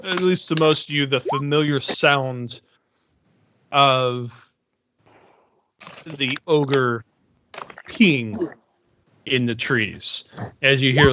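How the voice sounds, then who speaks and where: A man narrating a tabletop game as game master, unhurried and filled with "uh"s, over an online voice call. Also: medium pitch, bright, forceful tone, a little hiss or hum. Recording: muffled lo-fi online voice chat.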